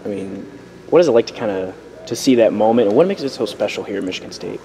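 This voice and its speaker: A man's voice: fairly low pitch, animated, fast, crowd noise. A man working as a sports reporter, asking short, direct interview questions. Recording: noisy, off-mic.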